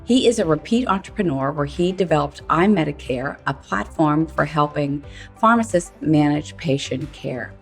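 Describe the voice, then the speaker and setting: Low-voiced woman podcast host. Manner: scripted, upbeat introduction. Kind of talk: podcast interview.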